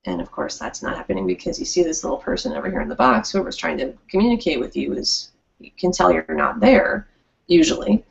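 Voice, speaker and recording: A woman's voice: fairly low pitch, sing-song, fairly quick, gravelly. A woman speaker giving a talk about handling conflict at work, conversational and illustrating points with acted quotes. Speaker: workshop speaker. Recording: dull lo-fi recording.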